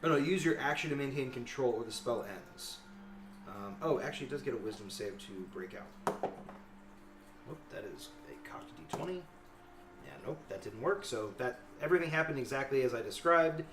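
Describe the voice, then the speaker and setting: A man's voice: mid-range voice, animated, a little fast, fairly bright tone. A man running a tabletop game as game master, narrating loosely with laughs and hesitant fillers, recorded in an echoey room from a distant mic with faint hiss.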